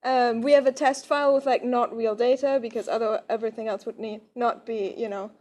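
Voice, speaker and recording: A woman speaking at a conference, giving an informal, rushed lightning talk with a software demo. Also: fairly high pitch, steady tone.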